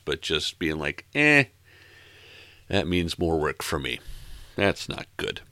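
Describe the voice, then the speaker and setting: A middle-aged man hosting a music podcast, casually back-announcing tracks in a relaxed, wry, self-deprecating way. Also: sits low, no room sound, studio quality. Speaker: podcast host.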